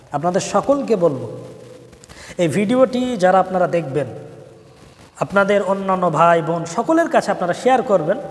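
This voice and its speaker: A man preaching a sermon with a rising and falling cadence, stretching words out for emphasis and chanting verses in Arabic. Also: sits high. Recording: long hall reverb.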